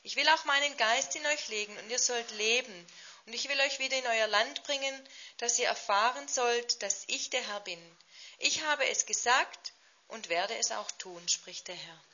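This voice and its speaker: A woman reading scripture in a measured, solemn way, then interpreting a sermon. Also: fairly high pitch, sharp tone, slight background noise. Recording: muffled lo-fi.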